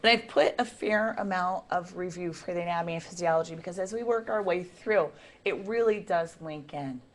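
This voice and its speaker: A woman giving a classroom lecture in a chatty, relaxed way, asking the students questions as she goes. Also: lowish voice, brisk.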